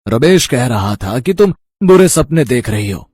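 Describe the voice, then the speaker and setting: A man voicing a sinister old holy man who speaks in a stern, ominous way, with a husky voice. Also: mid-range voice, sing-song, measured pace, darkish tone, no room sound, clean studio sound.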